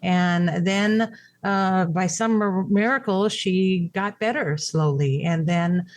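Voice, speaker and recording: In a dry recording, a middle-aged woman speaks slowly in a mid-range voice. She was raised speaking Japanese and appears on a podcast as a caregiver, reflecting on her caregiving story in a conversational interview. Her speech has many fillers and restarts.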